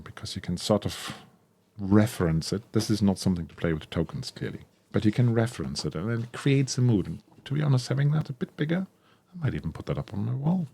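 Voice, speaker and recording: Here a man whose voice sits low and darkish offers casual unboxing commentary as a tabletop game creator. His enthusiasm for the product shows as he thinks aloud, with frequent ums and self-corrections.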